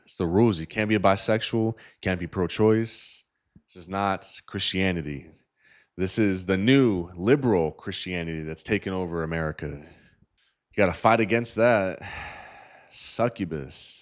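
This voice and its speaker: A man's voice: deep voice, unhurried. A man hosting a dating-profile review, talking in a sarcastic, preachy, ranting way. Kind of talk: reaction commentary.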